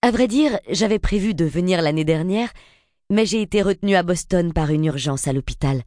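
A woman's voice: lowish voice, a little fast, warm tone, no echo, studio quality, natural voice. Woman reading as a poised woman in her forties. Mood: friendly. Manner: poised, friendly.

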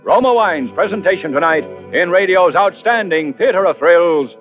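A man's voice: high voice, expressive, moderate pace. An American man introducing a suspense programme as a grand, formal 1940s radio announcer. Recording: dull old radio recording with music.

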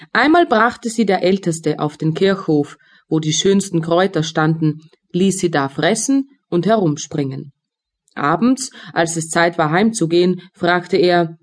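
A woman reading a fairy tale aloud for children as an audiobook narrator, in clear storytelling. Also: lowish voice, darkish tone.

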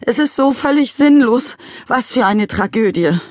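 A woman's voice: on the high side, lively intonation, moderate pace, no echo, clean studio sound, pitched above the performer's own voice, lightly acted. Woman doing a sniffly meek father. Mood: mournful, fretful. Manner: sniffly, mournful, put-upon.

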